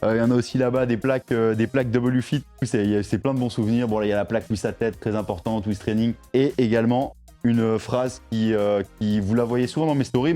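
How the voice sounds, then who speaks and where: A man's voice: medium pitch, mellow. A young man, chatting casually through a tour of his home garage gym, full of fillers and restarts. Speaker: CrossFit athlete showing his home gym.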